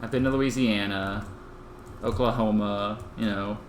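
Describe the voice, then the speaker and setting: A man's voice: fairly low pitch, fairly even intonation, measured pace. A man with an East Texas accent chatting casually in a laid-back, easygoing way. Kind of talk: casual chat. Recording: echoey room with faint hiss.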